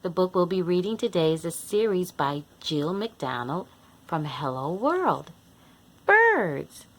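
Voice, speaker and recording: A woman in a fairly low, sing-song voice takes her time reading a picture book to young kids. As host of the read-along, she speaks to them directly, reads expressively and performs the animal sounds.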